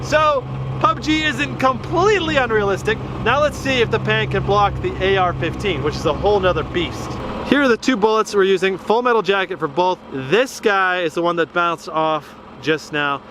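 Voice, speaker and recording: A man hosting a gadget test vlog outdoors, talking with loud enthusiasm and frequent exclamations. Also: high-pitched, animated, normal speed. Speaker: YouTube gadget test host. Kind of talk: excited outdoor experiment vlog. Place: outdoors at a shooting range. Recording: noisy outdoor recording.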